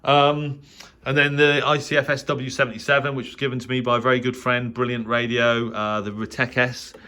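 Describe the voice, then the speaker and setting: This middle-aged Englishman speaks at medium pitch with a level yet sharp tone, a little fast. As a shortwave radio hobbyist and channel host, he gives an unscripted, casual tour of his spare-bedroom radio shack indoors, speaking hesitantly and rambling. The room recording is clearly noisy.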